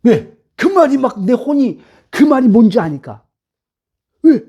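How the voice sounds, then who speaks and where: Animated woman pastor preaching a sermon. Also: a little high, normal speed, breathy edge, lo-fi sound. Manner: emphatic preaching with rhetorical questions to the congregation; bursts into near-shouts for emphasis. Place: at home, near neighbors.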